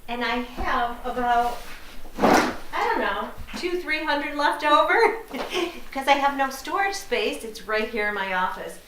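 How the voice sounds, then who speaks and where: Casual woman, slightly high, echoey office recording. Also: expressive, slow. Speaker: office worker, client being helped. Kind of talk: casual unscripted chat. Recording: echoey room with clear background noise.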